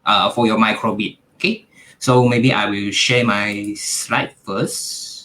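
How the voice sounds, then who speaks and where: A Malaysian man teaches in an online workshop, laying out each point calmly and plainly. His voice sits somewhat low. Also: takes it slowly. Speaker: technical trainer. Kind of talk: online technical lesson.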